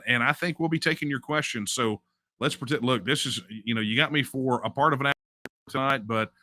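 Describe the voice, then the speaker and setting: A man's voice: medium pitch, pushed and bright, no echo. A middle-aged man hosting a casual livestream, reading viewer messages with mocking asides and lots of "uh" fillers. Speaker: host.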